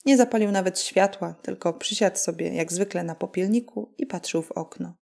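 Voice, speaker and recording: A woman reading a fairy tale aloud as a calm, soothing bedtime story. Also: on the low side, moderate pace, creaky.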